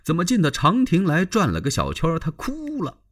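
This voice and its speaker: A man's voice: a little high, huge pitch swings, a little fast, fairly bright tone. A man performing a traditional spoken story in a dramatic, conversational way with asides to the listener.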